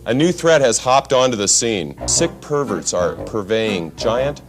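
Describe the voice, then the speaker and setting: A man's voice: mid-range voice, lively intonation, unhurried, faint music behind. A man playing a government announcer who cuts in on a broadcast, with a stern, alarmist, over-the-top official tone. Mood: alarmed. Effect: interrupting broadcast announcement.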